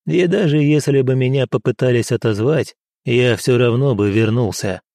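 A man voicing a blunt, grim male commander who speaks quietly and in measured words. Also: mid-range voice, dry recording, clean studio sound, close to an everyday voice. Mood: quiet resolve.

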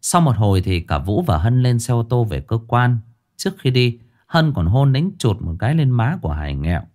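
A man narrating a story in a lively, expressive storytelling manner. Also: mid-range voice, normal speed.

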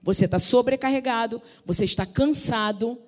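A woman's voice: fairly high pitch, normal speed. Fervent woman pastor in a reverberant church. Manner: fervent, calls out to the congregation. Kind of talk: sermon. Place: large church sanctuary.

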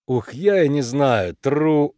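A man's voice: medium pitch, lively intonation, takes it slowly, mellow, dry recording, studio quality. A man voicing a tired grown actor who answers a child reluctantly and skeptically. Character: weary grown male actor, skeptical and dry.

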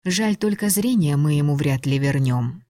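Low-voiced woman narrating an audiobook. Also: lively intonation, normal speed, warm tone, no echo, clean studio sound. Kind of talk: first-person audiobook narration.

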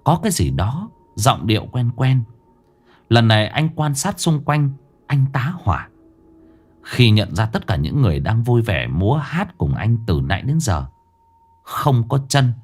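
A man's voice: mid-range voice, big pitch swings, a little slow, breathy edge. A man narrating a ghost story in a theatrical, swinging way. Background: faint music.

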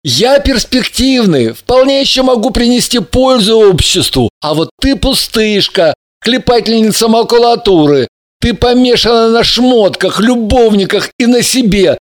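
Brief: woman reader as a sarcastic young nephew, higher voice, pompous and mocking. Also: expressive, measured pace. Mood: haughty. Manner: mocking, declaiming with pathos.

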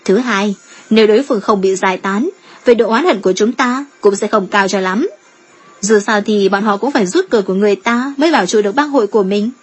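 A woman voicing a calm, shrewd female guild strategist in a measured, reasoning tone. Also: medium pitch, husky, natural voice.

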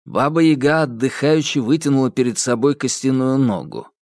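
A man narrating a fairy tale audiobook, expressive and acting out voices. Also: medium pitch, moderate pace, no echo, studio quality. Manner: expressive storytelling, acts out voices.

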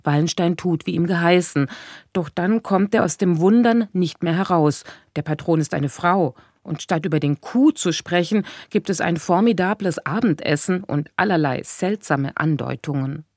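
A woman announcing a radio program in a neutral, clear presenting manner. Her voice sits fairly low. The studio sound is close and dry. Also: normal speed, a little mellow, no echo.

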